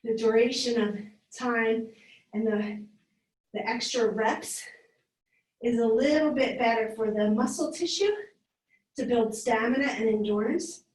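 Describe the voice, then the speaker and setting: A woman yoga teacher leads a live class with hand weights, calling out moves and counting down the seconds as she works out alongside. Her voice sits a little high and she sounds a touch winded. She is picked up from a distance in an echoey studio. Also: unhurried, pauses often, darkish tone. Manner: cueing moves, encouraging, slightly winded. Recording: echoey room, voice from far off.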